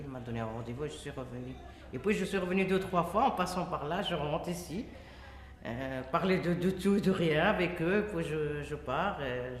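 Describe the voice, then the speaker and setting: A woman's voice: sits low, a little hiss or hum. A woman telling her story in casual testimony, hesitant, often restarting and repeating words. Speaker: interviewee, association volunteer. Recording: reverberant room with long echo.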